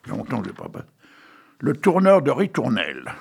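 A middle-aged man hosting a radio show in a studio, chatting casually with rambling jokey asides and reading poems aloud slowly and deliberately. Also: medium pitch, huge pitch swings, creaky, breathy edge. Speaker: radio host. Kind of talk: casual chat and poetry reading.

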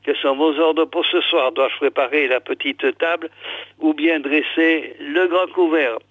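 A stiff, deferential male servant asking his master for orders, as a man reads him out in a storybook reading. The delivery is slow and solemn, heard through a tinny, dry radio line. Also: on the high side, steady tone, dry recording. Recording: dry, phone-like radio sound.

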